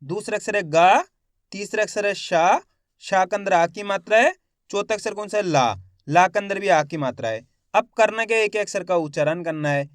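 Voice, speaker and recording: A man teaching Hindi reading, slowly sounding out words syllable by syllable and quizzing his viewers. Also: high voice, no echo, clean studio sound. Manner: slow, drawn-out syllable by syllable pronunciation; addresses viewers as friends, asks quiz questions. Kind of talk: spelled-out reading lesson.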